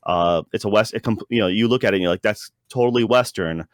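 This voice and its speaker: Speaking fast in a fairly low voice, a man co-hosts a podcast and offers a casual review. He hesitates and rambles, cutting himself off often. The sound is dry with no echo and little room around it.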